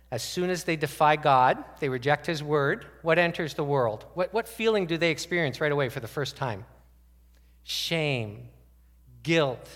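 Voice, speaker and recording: A man's voice: medium pitch, fairly bright tone, in a large hall. A man preaching a conversational sermon as a pastor, asking the congregation many rhetorical questions. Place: church sanctuary.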